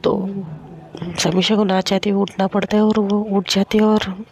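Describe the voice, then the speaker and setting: A woman telling a love story in a casual, chatty way, recounting events quickly with asides. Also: mid-range voice, little pitch movement, a little mellow.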